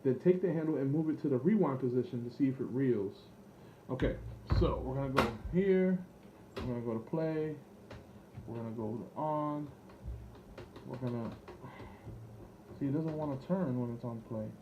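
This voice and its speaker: Rambling and unsure of himself, a man selling vintage electronics online improvises a product demo, speaking at a moderate pace in a medium-pitched voice with long pauses. The camera audio is dull and lo-fi, with noise in the background.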